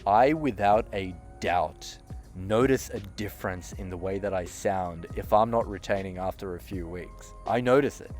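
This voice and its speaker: A man who works as a communication coach, giving an emphatic motivational monologue to camera, with sentences that end flat and firm, and his loudness swinging between punchy and hushed. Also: sits low, normal speed, faint music behind. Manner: flat, downward-ending sentence endings. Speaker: communication coach and podcast host.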